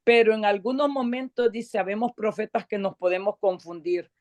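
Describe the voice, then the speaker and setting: A woman's voice: medium pitch, fairly even intonation, moderate pace, darkish tone. A woman on a video call asking a question in class, hesitant and full of fillers. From United States. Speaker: student.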